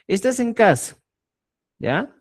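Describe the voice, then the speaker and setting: A teacher leads an online language lesson at an unhurried, deliberate pace. The pitch rises and falls expressively, and the teacher keeps stopping to ask whether the students are following. Points are explained with simple everyday examples. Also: big pitch swings. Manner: keeps checking understanding with "¿ya?". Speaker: Quechua teacher.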